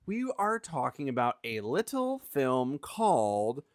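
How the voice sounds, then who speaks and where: A man's voice: medium pitch, very animated, slow, clear, resonant tone, dry recording, studio quality. A man co-hosting a podcast in casual, jokey chat. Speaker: podcast co-host.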